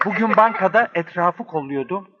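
An actor playing a young taxi driver who dreams of being a detective, boasting and shouting in a comedy film. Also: male voice, sits high, heavy background noise. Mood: storytelling. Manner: boastful, excitable, quick to shout. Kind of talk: 1970s Turkish film comedy acting. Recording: dull old film soundtrack.

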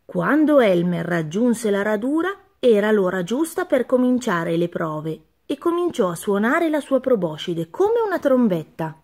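A woman reading a children's picture book aloud with expressive, sing-song narration. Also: mid-range voice, unhurried, hardly any pauses. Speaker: children's story reader.

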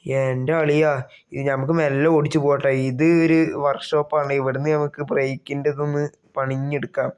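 A young man giving animated, comic gameplay commentary as a gaming YouTuber, often yelping and exclaiming. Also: mid-range voice, fairly quick, smooth. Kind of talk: gameplay commentary with role-play.

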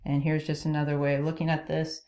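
A logic instructor does a voice-over on slides in a screen recording, walking through each rule step by step and checking in with "okay?". Her voice is low and a little mellow, delivered quickly in a monotone.

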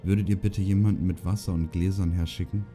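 An earnest young king weighed down by grief, as a male narrator puts him on. He speaks in a subdued, low, warm voice. Faint music plays under the audiobook reading. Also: fairly even intonation, brisk, natural voice.

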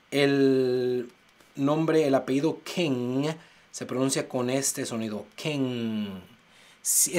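A man teaching English pronunciation, exaggerating sounds slowly to demonstrate them. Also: medium pitch, darkish tone. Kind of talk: pronunciation lesson. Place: United States.

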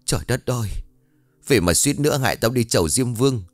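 A man's voice: medium pitch, animated, quick pace, no echo, soft background music, natural voice. A man voicing a grumpy older village father who curses and grumbles at his son. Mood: grumbling gruff. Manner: gruff, cursing.

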